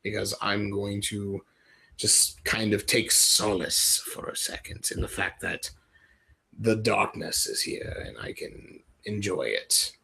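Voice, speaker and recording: A man's voice: lowish voice, slow pace, gravelly, pushed and bright, slightly rough. A man from Ohio rambling jokily through a casual livestream in a put-on British-sounding accent. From Ohio, USA. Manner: rambling, self-deprecating, jokey. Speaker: livestream host. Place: dim room at home.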